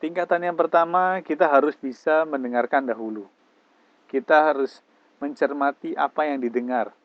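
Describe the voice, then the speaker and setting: A man's voice: on the high side, normal speed, dry recording, narrow, tinny audio. A man teaching English, explaining step by step and mixing English phrases into his lecture. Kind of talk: classroom lecture.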